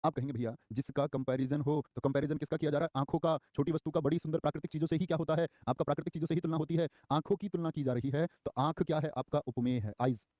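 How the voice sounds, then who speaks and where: Fast-talking young man teaching grammar. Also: on the high side, dry recording. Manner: energetic, repeats key terms and quizzes students; acts out short quoted lines in a raised voice. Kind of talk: live online exam-prep class.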